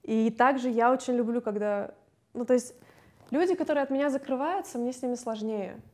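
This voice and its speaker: A young woman, a singer, talking candidly and casually in an interview, chatty and quick to laugh. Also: on the high side, darkish tone.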